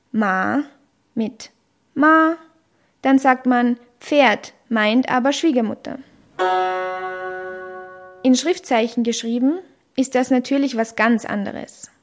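A woman calmly narrating a scripted lesson, carefully demonstrating sounds. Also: fairly high pitch, soft background music. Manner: slow, careful, demonstrates tones clearly. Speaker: language teacher.

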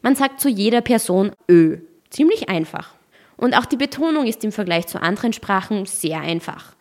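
A woman with a mid-pitched voice narrates a scripted explainer. Her delivery is clear and explanatory, with a light playful touch at the ends of points. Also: lively intonation, normal speed, darkish tone.

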